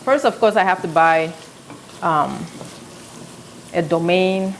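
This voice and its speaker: Her voice is lowish and slow, and the poor audio carries a little hiss or hum. She's a South Sudanese woman in her thirties with a matching accent, running a live cooking show in her home kitchen, chatty and full of stories while cooking, filmed by a tripod camera at medium distance.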